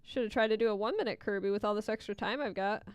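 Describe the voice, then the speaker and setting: A woman's voice: mid-range voice, very fast, smooth, no echo. A woman hosting a casual livestream, chatting playfully to viewers and giving running commentary, with music behind her. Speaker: livestream host and Etch A Sketch artist.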